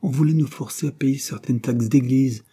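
A calm older woman offers measured comfort, voiced by a man reading a storybook. The tone is raised yet dark and mellow, with a husky grain. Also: medium pitch, voice pushed up, close to an everyday voice.

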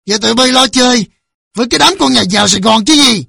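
Drunken middle-aged father, voiced by the narrator, bellowing and threatening, husky. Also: mid-range voice, fast talker, pushed and bright, no room sound, pitched above the performer's own voice, full character voice. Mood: furious.

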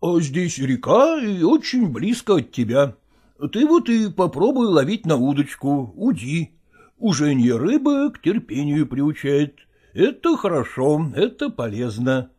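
A man's voice: fairly high pitch, huge pitch swings, unhurried, mellow, breathy edge, exaggerated voice. A man doing an exasperated estranged husband. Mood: fatherly coaxing. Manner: exasperated, pleading and firm. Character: irritable, harassed middle-aged estranged husband and father.

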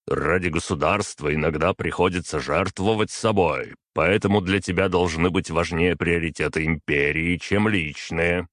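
A man's voice: sits low, fairly even intonation, fairly bright tone, no echo, studio quality. A man doing a stern aging emperor. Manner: curt, measured, commanding. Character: stern aging emperor, cold and unbending father.

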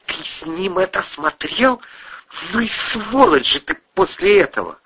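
A woman's voice: medium pitch, lively intonation, measured pace, background noise, voice pushed up, lightly acted. Man voicing a shrieking enraged wife. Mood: shocked accusing. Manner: screeching, spitting insults. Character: furious hysterical woman, a cheating-accused wife. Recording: muffled lo-fi recording.

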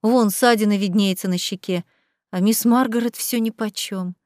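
A woman reading a novel aloud as an audiobook narrator, in a measured storytelling manner. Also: mid-range voice, fairly even intonation, a little mellow, dry recording, studio quality. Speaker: audiobook reader. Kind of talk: scripted narration.

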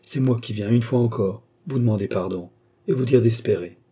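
A man's voice: on the low side, fairly quick, mellow, slightly rough. A man reading the part of a remorseful young woman, pleading with emotion in a storybook reading.

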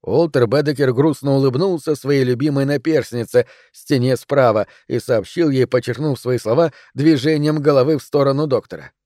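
A man narrating an audiobook in an even, measured reading voice. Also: mid-range voice, dry recording, studio quality.

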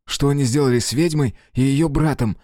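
A man's voice: mid-range voice, fairly quick, mellow, no room sound, clean studio sound, pitched above the performer's own voice, close to an everyday voice. A man voicing a curious young man who asks questions in a lifted tone.

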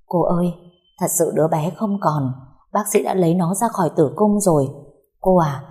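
Brief: a woman reading a kind nurse in an audio story, soft, soothing, low and mellow. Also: normal speed, close to an everyday voice. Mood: gentle. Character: kind young female nurse, gentle and consoling.

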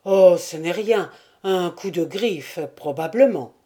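A woman's voice: fairly low pitch, lively intonation, takes it slowly, warm tone. A woman reading the part of a strong, blunt male mechanic who speaks in an offhand way. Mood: shaken.

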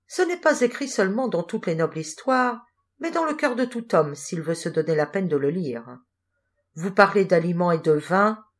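A woman's voice: on the low side, natural voice. A woman reading as a solemn old knight. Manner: solemn, moralizing. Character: stern old male knight, pious and lecturing.

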